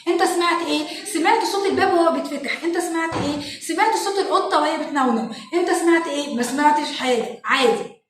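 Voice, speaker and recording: An Egyptian woman, a parenting educator and show host, explaining classroom activities to parents in an animated way and acting out what children say. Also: sits high, fast, slight background noise. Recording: echoey room, mic at a distance.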